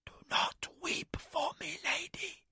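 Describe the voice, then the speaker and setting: A man's voice: a little high, expressive, very slow, darkish tone, husky, no echo, studio quality, exaggerated voice. A man doing a dying old warrior's whisper. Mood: tender. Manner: whispering, faint. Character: old wounded male warrior, dying, content.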